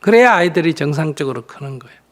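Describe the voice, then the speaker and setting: A man's voice: fairly high pitch, animated, fast. An older man, a monk, giving frank, plain-spoken advice in a live question-and-answer talk, often acting out a mother's words.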